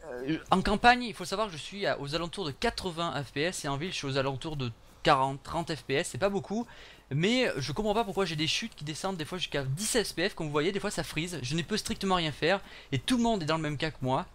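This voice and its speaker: A man's voice: on the high side, animated, fast, a bit bright, slight background noise. A young man chatting through his gameplay for viewers, with joking asides. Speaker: gaming channel host. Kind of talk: live gameplay commentary.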